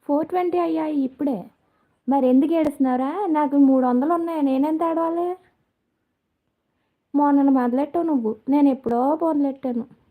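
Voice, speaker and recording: A woman's voice: sits high, moderate pace, pauses often, phone-quality sound. A woman hosting a casual live stream, chatting with viewers and answering their comments by name.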